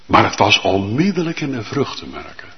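A male pastor preaching a sermon with fervent emphasis and drawn-out, emphatic lists. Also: on the low side, sing-song, long reverb tail, highs cut off.

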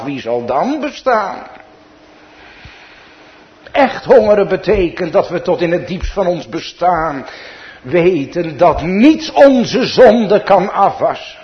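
Slow, measured Dutch preacher with a dull sound. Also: male voice, fairly high pitch. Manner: preaching with rising, emphatic peaks. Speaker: pastor. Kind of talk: sermon.

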